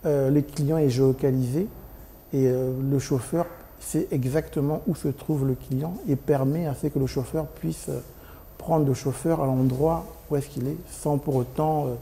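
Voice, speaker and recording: A man's voice: mid-range voice, fairly even intonation, normal speed, vocal fry, mellow, slight background noise. A man in his forties from Congo, a company director answering interview questions hesitantly, with many ums and restarts. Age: 40s.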